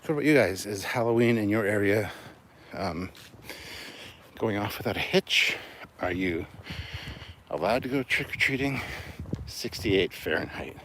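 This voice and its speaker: Walking outside and a little breathless, this Canadian man hosts a livestream in a fairly low, fairly bright voice with lively intonation, taking his time and leaving long pauses. His rambling chat with viewers is informal and peppered with swearing as he reads and answers their comments. Vehicle noise fills the outdoor audio.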